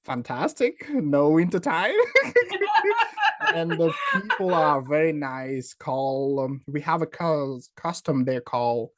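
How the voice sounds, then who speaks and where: A man from Senegal, a company founder talking as a guest in a casual video-call interview, friendly and quick to laugh, with many fillers. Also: on the high side, wildly swooping pitch, a bit bright.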